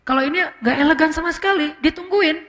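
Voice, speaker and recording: Bright-voiced preacher, chatty sermon. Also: male voice, extremely high pitch, brisk, in a large hall. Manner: chatty, many fillers, slips in English words. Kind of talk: casual storytelling sermon.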